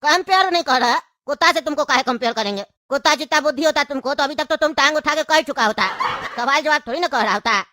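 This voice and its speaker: A woman's voice: sits high, quick pace. A woman voicing a bossy, mocking know-it-all man in a comedy skit, with a Bhojpuri-region Hindi accent. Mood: teasing. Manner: scolding, mocking, loud.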